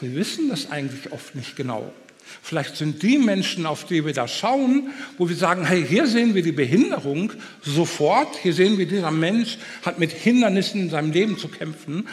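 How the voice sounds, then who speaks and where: A man preaching a sermon, emphatic and addressing listeners directly, his articulation impeded and slightly slurred as if his jaw is braced. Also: on the high side. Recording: long hall reverb.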